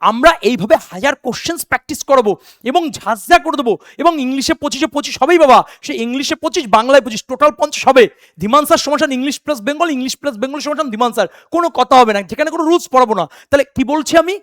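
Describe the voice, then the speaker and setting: Male exam tutor, really high voice, repeats rules over and over, fired-up pep talks, dry close mic. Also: very fast, fairly bright tone, dry recording. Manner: drilling rules by repetition, calling students "baba" and "beta"; fervent motivational pep talk. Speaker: exam-prep English teacher. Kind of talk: online exam coaching lesson.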